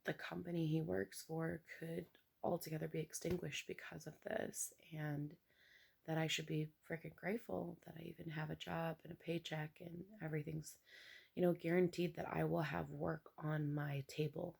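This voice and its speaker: Gravelly, hushed young woman vlogger. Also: sits low, little pitch movement, normal speed. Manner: hushed, half whispering so as not to wake someone; rambling with many fillers and restarts. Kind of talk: casual hushed chat to camera. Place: home, early morning.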